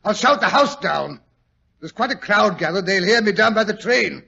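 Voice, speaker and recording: Muffled old-radio blustery English gentleman doctor. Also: high voice, lively intonation, normal speed, gravelly, husky, heavily acted. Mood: indignant, alarmed. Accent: British. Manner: blustery exclamations, muttering to himself. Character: genial, excitable English gentleman doctor, Holmes's companion. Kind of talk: 1940s radio acting.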